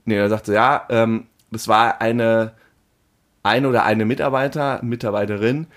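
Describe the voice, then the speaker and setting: A man in casual chat, telling an animated story and acting out the phone calls in it. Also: fairly low pitch, a little slow.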